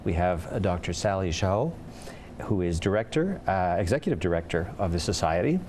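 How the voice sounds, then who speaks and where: Low-voiced man hosting a TV interview. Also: lively intonation, fairly quick, a little mellow, slight background noise. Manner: friendly, hesitant with repeated words. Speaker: co-host. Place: TV studio set. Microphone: lapel.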